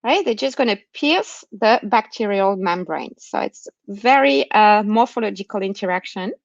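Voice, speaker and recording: Over muffled, lo-fi online call audio, a woman researcher with a non-Australian accent gives a remote academic talk during lockdown, explaining things and often checking understanding with short tags. Her medium-pitched voice is animated, with vocal fry, a moderate pace, and no echo.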